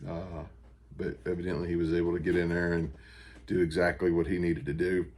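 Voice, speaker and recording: An American man giving a casual personal video update, talking in a plain, unhurried and somewhat halting way. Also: low voice, little pitch movement, a little mellow, breathy edge. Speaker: vlogger recovering from surgery. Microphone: camera on a stand with ring light.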